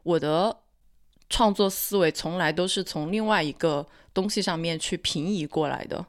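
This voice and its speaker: A woman with a slightly low, steady-sounding voice talks as a podcast co-host. She comes across as composed, cool and rational while chatting reflectively. The sound is dry, with little room on it. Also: moderate pace, no room sound. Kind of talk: casual reflective chat.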